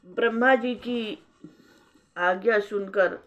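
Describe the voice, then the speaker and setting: Devotional storyteller, woman, unhurried measured recitation, muffled recording. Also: medium pitch, a bit bright. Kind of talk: scripture narration. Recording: dull lo-fi recording.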